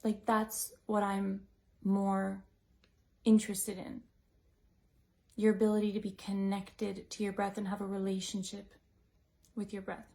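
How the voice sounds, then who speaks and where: A woman leading a breathwork class, talking in a gentle, musing way, full of "like" and "you know". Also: medium pitch, vocal fry. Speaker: breathwork teacher. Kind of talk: reflective teaching talk to a group.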